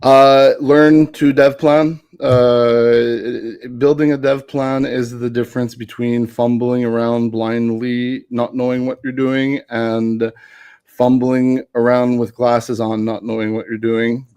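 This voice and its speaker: A man appears as a guest developer on a relaxed tech conversation, his mid-range voice smooth, a little mellow, and flat in delivery. He tends to ramble, keeps restarting sentences, and laughs readily.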